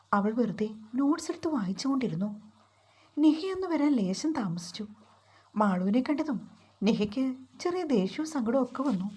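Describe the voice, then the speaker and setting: Brief: female storyteller, mellow and husky, a touch high-pitched. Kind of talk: storybook narration.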